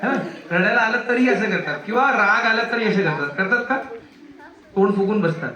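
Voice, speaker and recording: In an echoey classroom full of children's chatter, this Marathi-accented psychiatrist from India talks with young pupils, peppering them with questions and imitating kids' voices. His high voice is animated and sharp in tone, at a moderate pace.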